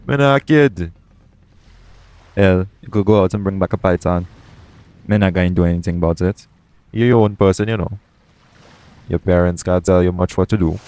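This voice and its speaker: In an intimate audio roleplay, a man voices a roguish yet caring pirate captain. His voice is low, and he speaks soothingly with a gentle, teasing edge.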